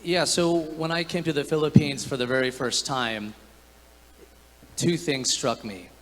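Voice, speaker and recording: A man's voice: on the high side, fairly even intonation, measured pace. A man startup founder who grew up in the United States, speaking sincerely on a panel. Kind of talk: panel talk. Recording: reverberant hall with faint ambience.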